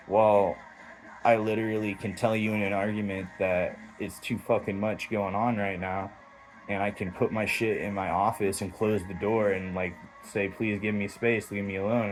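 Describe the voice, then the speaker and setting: A man's voice: fairly low pitch, rough recording. A man delivering a heated, rambling, profanity-filled monologue straight to camera as a vlogger.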